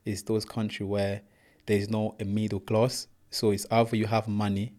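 Interview guest: young man from Congo, English not his first language, lowish voice, earnest storyteller. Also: flat delivery, normal speed, darkish tone. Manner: earnest, plain storytelling, says "bro" often. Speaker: guest, professional boxer. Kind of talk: casual interview.

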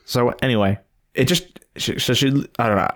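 A man's voice: mid-range voice, brisk, fairly bright tone. A man co-hosting a casual podcast, joking and rambling, a bit nasal today. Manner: joking, rambling, laughs often. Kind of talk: casual banter.

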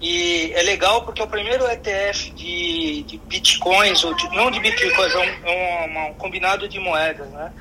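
A man's voice: high-pitched, normal speed, few pauses, noisy background. A man commenting in casual chat, hesitant and restarting mid-thought. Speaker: guest commentator.

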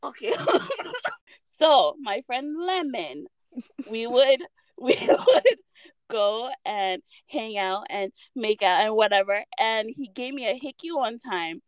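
A woman co-hosting a casual podcast chat, telling stories in an animated, giggly way. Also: a little high, slow pace, smooth, no echo, rough recording. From Utah, US. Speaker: podcast co-host.

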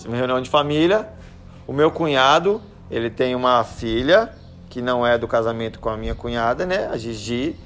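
A man's voice: mid-range voice, slight background noise. A man giving a sermon as a pastor, shifting between Scripture and casual family stories. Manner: conversational, anecdotal preaching.

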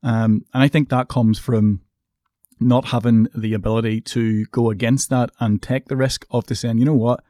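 A man's voice: medium pitch, steady tone, normal speed, warm tone, no echo, clean studio sound. A man in a casual podcast chat, reflective, explaining his views at length.

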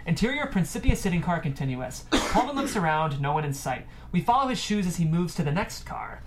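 At a table read, a narrator reads the screenplay's stage directions in a mid-pitched voice, very animated and a little fast. Faint room noise sits behind the voice.

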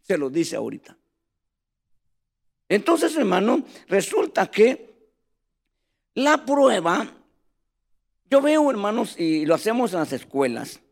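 A man preaches a sermon in a high, gravelly voice. He tells his stories with animation and keeps calling his listeners brothers. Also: sing-song, slow, pauses often.

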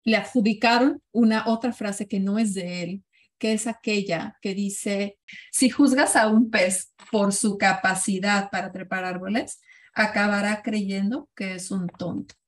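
A woman's voice: mid-range voice, fairly even intonation, measured pace. Woman, parenting coach, reflective, asks the group questions. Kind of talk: live online workshop talk.

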